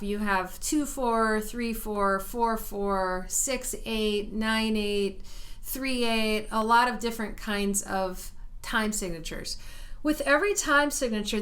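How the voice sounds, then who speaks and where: A woman's voice: a little high, fairly bright tone. A woman piano teacher giving a practice tutorial, explaining patiently and step by step while seated at the piano. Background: piano playing.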